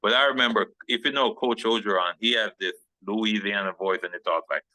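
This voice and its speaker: A man's voice: on the low side, fairly quick, sharp tone, no echo, rough recording. A man who is a former football player, telling a rambling story as a guest on a video call, with many restarts and small laughs.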